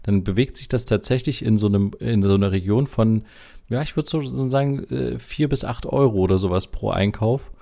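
Casual podcast guy, lowish gravelly voice, lots of ähs and second thoughts. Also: brisk, warm tone. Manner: hesitant, thinks aloud with many fillers. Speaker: podcast co-host. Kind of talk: casual chat.

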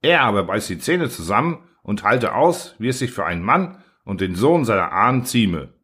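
Male audiobook narrator, first-person story reading, wry delivery, lively intonation. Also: lowish voice, moderate pace.

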